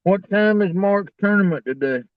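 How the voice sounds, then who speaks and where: A man's voice: sits high, normal speed, dry recording. A man with a rural American accent, chatting in a folksy, casual way as a livestream host. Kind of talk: casual chat. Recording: dull lo-fi audio.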